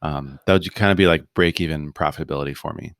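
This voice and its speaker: Low-voiced man, loose and rambling. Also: fast, smooth, no room sound, studio quality. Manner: relaxed, rambling, many fillers and restarts. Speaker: podcast guest, founder. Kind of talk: casual interview conversation. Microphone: video call.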